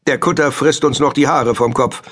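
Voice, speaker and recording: A man's voice: steady tone, moderate pace, a bit bright, husky. A man voicing a stern, nagging old great-grandmother in a children's audiobook. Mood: grumbling. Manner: shrill, nagging complaints. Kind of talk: audiobook character voice.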